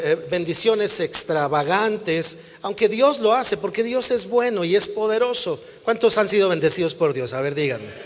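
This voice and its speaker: A man's voice: sits high, a bit bright. A male pastor preaching a sermon, asking the congregation questions and acting out quoted voices. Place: church hall. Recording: long church hall reverb.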